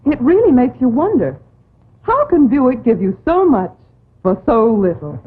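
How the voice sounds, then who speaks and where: Female spokeswoman, poised eager pitch, husky voice, lively tune, tinny 1950s TV broadcast audio. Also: a little slow. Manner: poised, eager product praise. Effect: 1950s TV broadcast sound. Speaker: commercial spokeswoman. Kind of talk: scripted live commercial pitch.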